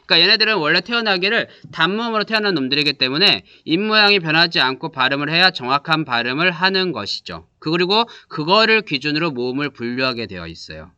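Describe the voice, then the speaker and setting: A male teacher lecturing to his class, his pitch rising and falling animatedly as he explains. His voice is strikingly bright and slightly high, recorded dry with no room echo. He keeps checking in with quick questions and sounds examples out for students. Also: big pitch swings, clear, resonant tone. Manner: models vowel sounds aloud for students to repeat.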